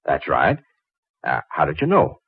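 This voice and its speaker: A man's voice: rumbling low, huge pitch swings, a little slow, breathy edge, no echo, heavily acted. An actor playing a brash, flustered young stranger in a 1940s radio drama, stammering and fumbling his words. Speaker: out-of-town engineer visiting a library. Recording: dull old radio recording.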